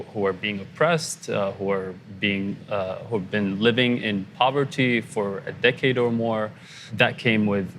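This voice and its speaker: A man of about thirty who grew up in Iraq talks through his experience as a journalist. His voice sits a little low, and he speaks in a halting, thoughtful way, often restarting his sentences. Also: fairly bright tone, slight background noise. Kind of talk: interview conversation.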